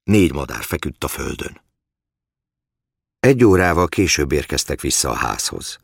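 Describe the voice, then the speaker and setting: A man narrating a story in an extremely deep, gravelly voice. His reading is calm and measured, a little husky, and the recording is close and dry with no room sound. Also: no room sound.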